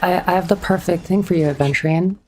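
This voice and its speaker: A woman with a notably low voice streams a game and chats casually with her viewers. She is a bit awkward and picks up chat messages as she goes, speaking into a streaming microphone. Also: fast talker. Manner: chatty, a bit awkward, reads and answers chat.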